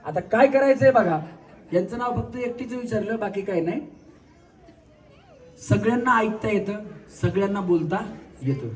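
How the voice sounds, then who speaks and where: A man hosting a live stage game, joking and coaxing the players with quick instructions. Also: sits high, lively intonation, slight background noise. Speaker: game show host. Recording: distant mic with crowd behind.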